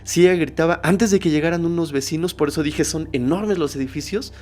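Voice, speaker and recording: A man hosting a horror podcast, telling a story in a suspenseful way, dropping to a hush and rising again. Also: on the high side, a little fast. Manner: suspenseful, shifts between hushed and raised tones.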